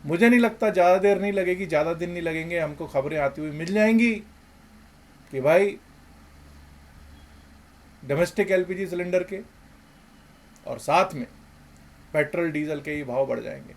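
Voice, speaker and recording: A man giving emphatic commentary as a market analysis host, with rhetorical questions and swings between loud and soft. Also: on the high side, moderate pace, pauses often.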